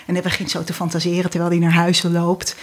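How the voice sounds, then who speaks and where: A woman guest telling a fairy tale in a relaxed, hesitant way with many fillers. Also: lowish voice, fast. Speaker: guest storyteller.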